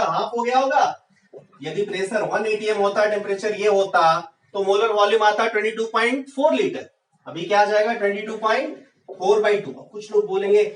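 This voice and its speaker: High-voiced man teaching chemistry. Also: reverberant, recorded from a distance, low-quality recording. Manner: rhetorical questions, urging students on. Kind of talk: exam-prep lecture.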